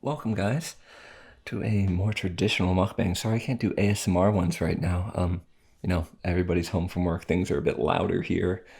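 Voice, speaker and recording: A man's voice: low voice, steady tone, brisk, gravelly, a little mellow, slightly rough. A man hosting a home eating video, chatting casually and joking in rambling asides. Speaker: mukbang host. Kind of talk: casual chat while eating on camera.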